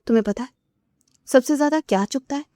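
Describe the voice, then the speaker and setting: A woman's voice: high voice, mellow, no echo, studio quality, lightly acted. A woman voicing a stern young man in a novel reading, speaking bitterly and wearily. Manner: bitter, tired.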